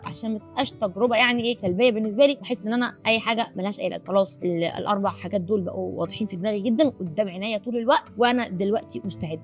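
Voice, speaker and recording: A young woman with an Egyptian accent giving students motivational study advice, mixing English words into her Arabic and repeating key points. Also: medium pitch. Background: faint music.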